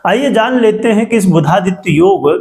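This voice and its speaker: Man, astrologer, high voice, echo on the voice, calm measured explaining, talks straight to viewers. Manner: calm, measured, often addresses viewers directly. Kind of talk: explanatory horoscope monologue.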